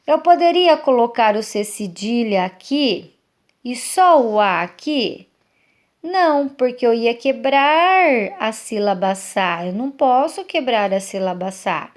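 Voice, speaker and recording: A woman teacher, explaining a lesson to young children step by step, patient and checking in with questions. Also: fairly high pitch. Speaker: primary school teacher.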